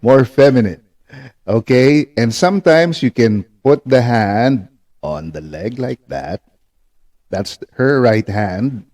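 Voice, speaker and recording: With a fairly low pitch and darkish tone, a man acts as a ventriloquism instructor giving a demonstration. He repeats himself patiently and frequently tacks on short tag questions to check in.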